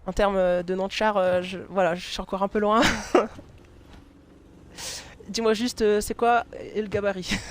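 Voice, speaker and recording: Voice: mid-range voice, level tone, a little slow, slight background noise. A live streamer chatting casually while playing a game, hesitant, with many fillers and restarts, and laughing often.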